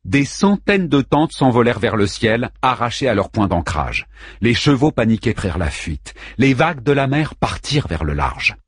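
A man narrating an audiobook in a steady, measured way. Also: medium pitch, slightly rough, dry recording, clean studio sound. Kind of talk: scripted narration.

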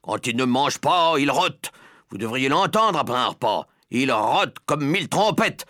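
A man's voice: animated, a little slow, no echo, studio quality. A man voicing a rude, blustering father who raises his voice in indignation. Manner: loud, indignant, raised high voice. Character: rude, blustering middle-aged father with mustache.

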